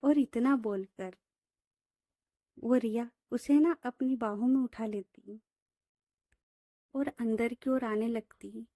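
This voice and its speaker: A woman's voice: a little high, takes it slowly, pauses often, dark tone, dry recording, clean studio sound. Chatty woman storyteller. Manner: chatty, conversational, with filler phrases. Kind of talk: casual storytelling narration.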